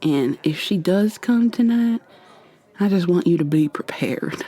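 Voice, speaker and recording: In an intimate ASMR roleplay, an American woman plays a playful, flirty modern witch mentoring a new coven member. Her lowish, expressive voice is soft and teasing, smitten and affectionate, conversational with trailing pauses.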